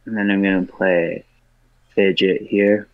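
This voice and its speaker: Low-voiced man, slow deliberate player on a dull, dry voice-chat line. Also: steady tone, dry recording. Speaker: board game player. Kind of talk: announcing game moves over voice chat.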